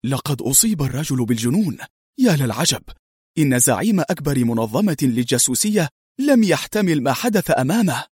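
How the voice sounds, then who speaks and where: Guy doing a puzzled doctor, amazed tone, husky voice. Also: medium pitch, big pitch swings, brisk, darkish tone, dry recording, studio quality. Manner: wondering, amazed. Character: male doctor, puzzled and astonished.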